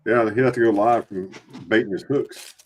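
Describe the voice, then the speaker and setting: A man presenting coins on a livestream, trading quick teasing banter with his co-host. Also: on the low side, fairly even intonation. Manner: teasing, quick banter between coin descriptions. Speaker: livestream coin seller. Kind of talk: casual livestream chat.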